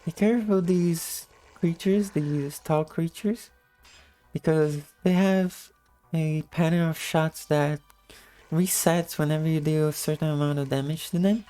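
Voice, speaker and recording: Woman, low-pitched, sleepy just-woke-up morning voice, mellow tone, casual game guide commentary, music behind. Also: steady tone, unhurried. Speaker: video game guide narrator. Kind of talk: casual gameplay commentary and tutorial.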